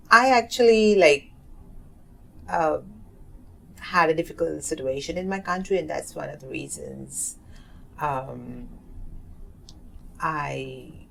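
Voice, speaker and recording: In a community center room, an oral history narrator in her thirties from South Asia, whose native language is Hindi, gives halting interview answers full of fillers and false starts. She has a low, fairly bright voice with vocal fry, recorded at low quality.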